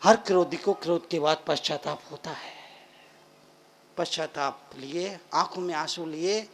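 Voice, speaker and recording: A man, a monk, preaching a sermon and telling stories with heavy repetition, swinging from soft to loud. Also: fairly high pitch, measured pace, a little hiss or hum.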